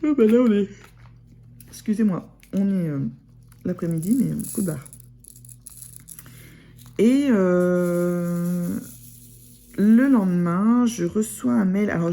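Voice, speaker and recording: On the low side, warm and gravelly, a woman's voice carries a casual sewing vlog to camera. She speaks with a northern French Picard (Ch'ti) accent and rambles, often restarting and filling gaps.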